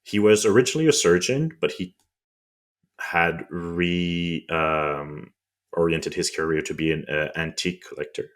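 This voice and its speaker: Deep-voiced French-accented man explaining history. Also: a little slow, a bit bright. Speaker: podcast co-host.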